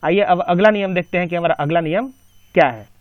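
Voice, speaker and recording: Male tutor voice-over, fairly high, patient step-by-step explaining, dry and slightly dull. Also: a little fast, no room sound. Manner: explains step by step, often asks and answers his own questions. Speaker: English teacher. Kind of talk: screen-recorded grammar lesson.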